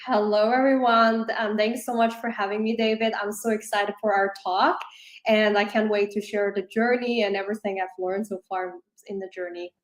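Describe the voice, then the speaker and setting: A woman in her thirties, from South Korea but raised in Switzerland, earnestly tells her life story as an interview guest in conversation. She speaks fluently but with many "like" fillers, her mid-range voice showing little pitch movement at normal speed in a roomy-sounding space.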